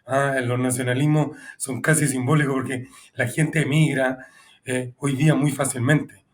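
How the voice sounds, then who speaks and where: A man hosting a conversational podcast, with a mid-range voice. He thinks out loud and asks long, reflective questions of his guest. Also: mid-range voice, level tone, normal speed. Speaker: podcast host. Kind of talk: conversational interview.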